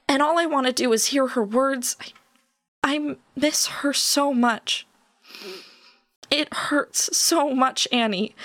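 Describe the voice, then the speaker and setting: Woman doing grieving young woman, stammery, highish voice, dry close sound. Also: fairly bright tone, no echo. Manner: halting, stammering delivery. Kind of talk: audio drama acting.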